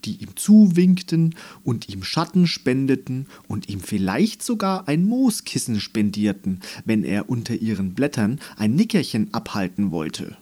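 A man reading a storybook aloud as narrator in a gentle, expressive way. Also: mid-range voice, a little slow, hardly any pauses, husky.

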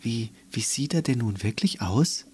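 A man's voice: medium pitch, lively intonation, a little slow, darkish tone, slightly rough. A man voicing a curious, cautious young girl who asks careful questions in a storybook. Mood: earnest.

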